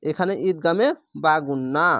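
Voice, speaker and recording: A man's voice: a little high, moderate pace, fairly bright tone, no echo, studio quality. A man teaching Quran reading, spelling out each letter and vowel mark one syllable at a time before reading the whole word.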